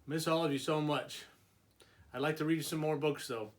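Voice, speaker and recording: Reading a storybook aloud to little kids, this male preschool and kindergarten teacher speaks in a slightly high voice with fairly even intonation at normal speed. He keeps the phrasing simple and adds small asides.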